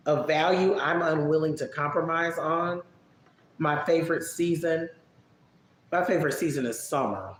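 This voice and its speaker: A man casually answering viewer questions on a live stream, relaxed and chatty, musing aloud as he thinks. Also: fairly high pitch, moderate pace. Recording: echoey room with faint background noise.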